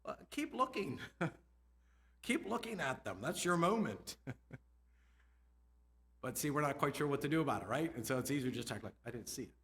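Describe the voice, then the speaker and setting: A middle-aged man, a school administrator, giving a lively conference talk to teachers, asking them questions and laughing between points. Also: mid-range voice, moderate pace, pauses often. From United States.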